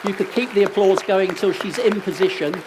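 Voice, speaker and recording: An English-accented awards host speaks fairly quickly in a high voice from the stage of an event venue, with background noise audible. He reads the sponsors upbeat, tossing joking asides to the audience.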